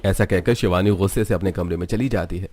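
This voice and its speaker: A man narrating a cartoon story in a steady, even storytelling manner. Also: low-pitched, quick pace.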